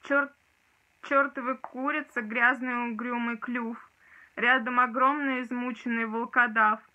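Young female, dramatic poetry declamation, sharp highish voice, steady pitch, lo-fi home recording. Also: a little slow. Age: young adult. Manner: forceful, rhythmic declaiming. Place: small room indoors. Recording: dull, lo-fi sound.

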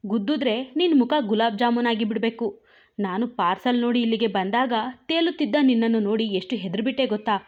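A woman's voice: on the high side, brisk, narrow, tinny audio, lightly acted. A woman voicing a young man who pleads in a trembling voice and then scolds. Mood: scolding. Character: worried young man, gruff and teasing.

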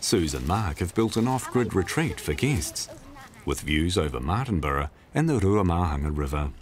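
Deep-voiced male documentary narrator. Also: big pitch swings, normal speed. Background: background music.

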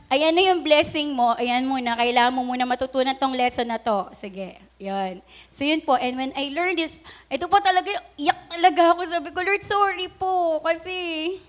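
A woman pastor with a high-pitched, slightly bright voice gives a casual, conversational Taglish sermon. She often adds polite asides and puts questions to the congregation.

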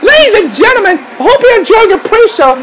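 An excitable amateur commentator doing loud play-by-play of a video game wrestling match, often shouting and exclaiming. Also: very high voice, brisk, low-quality recording.

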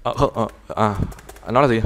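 Halting, low-voiced male language tutor. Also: steady tone. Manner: halting, repeats words while typing and explaining. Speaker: Chinese language teacher. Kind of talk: live online tutoring session.

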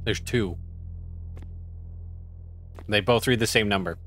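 A man chatting casually while playing a game, jumpy and quick to yelp when startled. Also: lowish voice, fairly bright tone. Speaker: gamer. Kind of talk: casual gaming chat.

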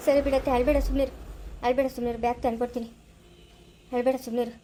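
A young village husband caught between family, played by a woman, talking quickly and soothingly in a high voice with a Chikkaballapur Kannada accent. It is a homemade family skit. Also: flat delivery, mellow, close to an everyday voice. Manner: soothing, reassuring.

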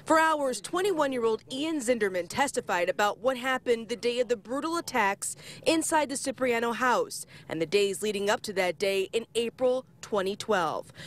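An American woman, a television reporter, delivering a scripted live news report. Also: fairly high pitch. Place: outdoors on courthouse lawn. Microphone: lapel.

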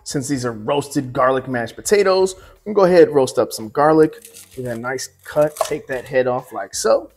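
Soft background music accompanies a cooking show host in his forties as he demonstrates a home recipe in his kitchen. He speaks at normal speed in a mid-range voice, keeping things relaxed and talkative and turning now and then to address the viewer.

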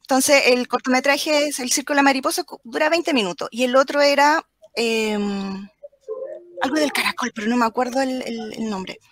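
A woman with a Chilean accent, a teacher telling a lively anecdote as a guest on a video call. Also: sits high, normal speed. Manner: animated, acts out the children's voices. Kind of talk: storytelling anecdote in live chat.

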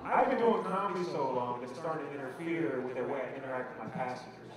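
A man's voice: medium pitch, fast. A young man doing a stand-up comedy set at an outdoor rally, hyped and self-mocking, acting out the people in his stories. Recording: echoey outdoor rally PA from far off. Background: large laughing crowd.

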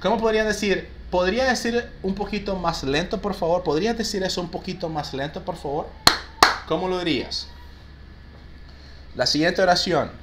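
Man, lively English teacher, slightly high voice, faint background noise. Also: normal speed. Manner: lively, mixes Spanish and English, praises students often. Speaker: English teacher for call center agents. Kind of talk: live online class, reading out student answers.

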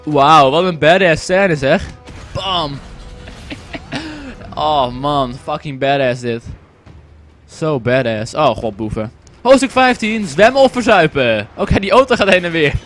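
A young man running casual let's play commentary, excitable and swearing as he plays. His voice sits fairly high and swings widely in pitch, jumping up with every outburst, over faint game music. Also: a little slow. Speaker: gaming commentator.

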